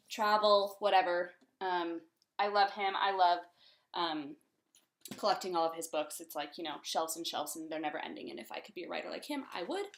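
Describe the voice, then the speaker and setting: A woman's voice: fairly low pitch, fairly bright tone. Chatty woman with many ums. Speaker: host of a book vlog. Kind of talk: casual book-review chat.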